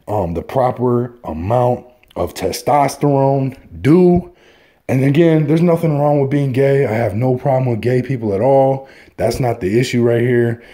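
A man's voice: medium pitch, dark tone. A man hosting a casual opinion video, talking in an indignant, rambling way and repeating himself. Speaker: YouTube commentary host.

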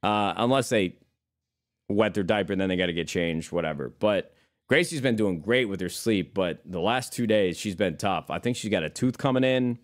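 With lively intonation at a normal speed, a man in his thirties streams and chats casually, his voice lowish. He wanders from topic to topic, curses freely and keeps saying brother to his listeners.

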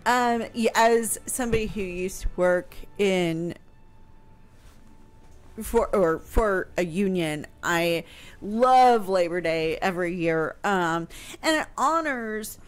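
A middle-aged American woman hosts a casual radio show, explaining history in a hesitant, dryly sarcastic way. She speaks slowly in a mid-range voice with lively intonation, close on a boom studio microphone with headphones in an indoor home room.

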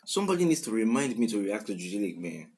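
This reaction video host, a Nigerian-accented man in his twenties, has a lowish, darkish, sing-song voice and a quick pace. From a small room at home, he chats casually about songs and repeats their lyrics in slang as music plays.

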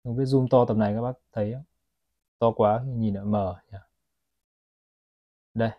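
A man's voice: lowish voice, steady tone, moderate pace, lo-fi sound. A man selling watches, chatting to his viewers as he films a product review on his phone. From Vietnam. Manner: chatty, keeps addressing viewers as "các bác". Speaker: watch seller.

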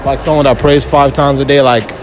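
A man's voice: medium pitch, steady tone, fairly quick, over music. A young man hosting a casual street interview in a shopping mall, asking teasing, probing questions into a handheld mic.

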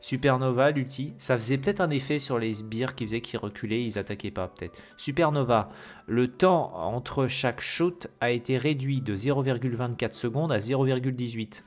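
A man's voice: medium pitch, moderate pace, soft background music. Hesitant man talking through game patch notes. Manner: hesitant, many fillers and self-corrections; reads English terms with a heavy French accent. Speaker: gaming video host.

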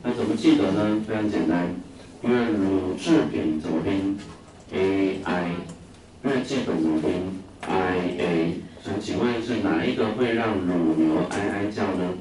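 A man's voice: low voice, a little slow. A man from Taiwan teaching English vocabulary to a class, chatty, full of filler sounds and questions to the students. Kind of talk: classroom lecture with anecdotes. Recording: echoey classroom from a distant mic, noisy.

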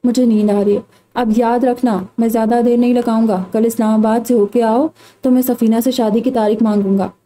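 A calm, coaxing middle-aged father from an audio novel, read aloud by a woman. The voice stays warm and mellow, with an even, flat melody. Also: fairly high pitch, a little fast, natural voice, rough recording. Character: stern loving older father, middle-aged man.

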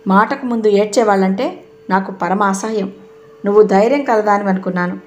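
A woman's voice: mid-range voice, brisk, lightly acted. A woman narrator voicing a stern, sarcastic young husband who fires accusing questions.

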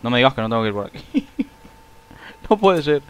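A man talks over his gameplay, his pitch swinging widely as he jumps into panicked shrieks. A faint noise sits under the recording. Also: fairly quick. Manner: excitable, shrieks when panicked. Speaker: gaming YouTuber. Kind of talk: let's play commentary.

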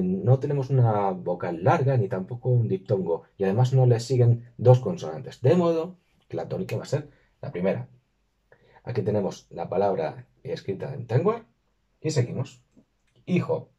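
Man, lesson narration, dark mellow husky voice, dull lo-fi sound. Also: fairly low pitch. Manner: careful, slows and stresses words when modelling pronunciation. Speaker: language teacher. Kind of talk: screen-recorded lesson narration.

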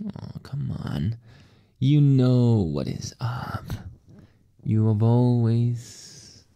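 A young man at medium pitch performs a whispered ASMR roleplay as a teasing boyfriend. He speaks slowly in breathy whispers with soft chuckles, close to the microphone, with no room sound.

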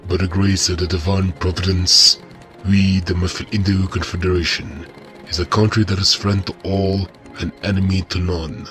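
A man, his voice run through a voice changer, plays a stately national leader who declaims a formal address with solemn weight. The altered voice sits very low and deep. Faint music plays underneath. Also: flat delivery, moderate pace, a bit bright. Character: stately male leader of a united island nation.

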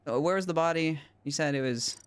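A man's voice: fairly high pitch, brisk, clear, resonant tone. A man streaming a social deduction game with friends, joking and talking himself through his tasks on voice chat. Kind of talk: casual gaming chat. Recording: noisy mic with clicks.

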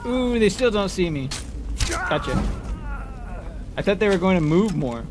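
A man with a high, sing-song voice plays a game at an unhurried pace and talks over it casually. He's playful, exclaiming and taunting his enemies, with game sounds clearly filling the noisy background.

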